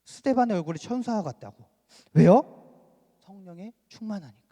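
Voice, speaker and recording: A male pastor giving an animated sermon, full of rhetorical questions, in a church sanctuary. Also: high voice, moderate pace. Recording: reverberant church hall.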